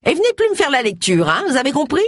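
A blunt old village woman on two canes snaps back at a neighbour in an audiobook, a woman narrator putting her on. She talks plainly and scornfully in a husky, lowish voice. The sound is dry and close. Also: very animated, fairly quick, dry recording, exaggerated voice. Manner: scolding, plain-spoken.

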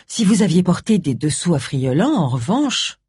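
A woman's voice: lowish voice, big pitch swings, normal speed, a little mellow, husky, no echo, studio quality, heavily acted. A woman voicing a matter-of-fact young female assistant in an audiobook. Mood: dry.

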